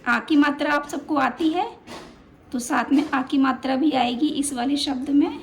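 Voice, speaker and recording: A woman teaches a children's lesson in a high voice. She speaks slowly and patiently, stretching and repeating each sound so it sinks in. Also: fairly even intonation, a little hiss or hum.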